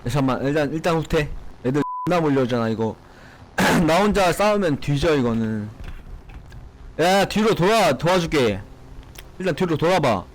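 A young man giving excitable, swearing commentary on his gameplay from a small room at home, tipsy from drinking. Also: a little high, moderate pace, low-quality recording. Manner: excitable, swearing, shouting at enemies. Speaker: gaming streamer.

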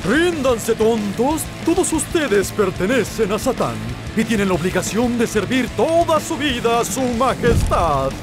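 Evil skeleton henchman cartoon, super high n bossy, music blaring behind. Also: big pitch swings, unhurried, full character voice. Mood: menacing, taunting. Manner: taunting, commanding. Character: menacing skeleton henchman of Satan. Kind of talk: animated horror parody acting.

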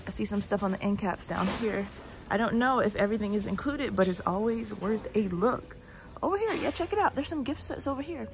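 A woman talks casually to her viewers as she walks through a large store. She is recorded on a phone held in her hand. Her pitch is mid-range for a woman. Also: expressive, brisk, noisy background. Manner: chatty, walking while talking, addressing viewers directly. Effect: recorded on a handheld phone. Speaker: shopping vlogger. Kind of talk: casual walk-and-talk store tour. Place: large indoor retail store.

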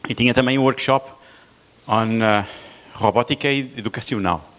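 A man from Portugal with a European Portuguese accent softened toward Brazilian, giving a university lecture with halting restarts and frequent tag questions into a microphone. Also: mid-range voice. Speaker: visiting professor, lecturer.

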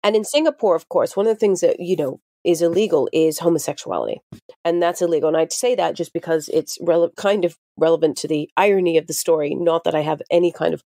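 A woman's voice: lowish voice, fast, dark tone, no room sound. A middle-aged woman from the UK, a comedian chatting as a podcast guest, telling stories with dry asides. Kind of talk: casual podcast chat.

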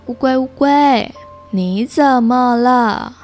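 Woman voicing a slow, caring storybook cat for toddlers. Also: a little high, darkish tone, soft background music. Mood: concerned.

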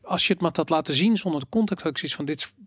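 Man, higher-pitched voice, hesitant with fillers, close dry mic. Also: very fast, fairly bright tone, slightly rough, no echo. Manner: hesitant, many fillers and restarts. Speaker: podcast co-host. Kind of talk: casual discussion.

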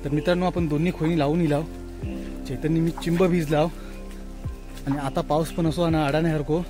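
Malvani-accented man explaining in flat tones. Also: on the high side, a little fast, over music. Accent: Malvani Marathi. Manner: plain, explains step by step. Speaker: village vlogger. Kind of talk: casual explaining vlog. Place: rainy forest stream, outdoors. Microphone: phone camera held close.

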